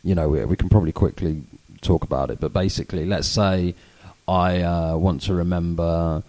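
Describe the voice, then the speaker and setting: A man's voice: deep voice, steady tone, normal speed, darkish tone, low-quality recording. A British man with a chavvy accent, chatting casually and informally as a co-host explaining things, in a rambling way. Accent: British, self-described chavvy. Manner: informal and rambling, many "you know"s. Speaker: podcast co-host. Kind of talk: casual educational chat.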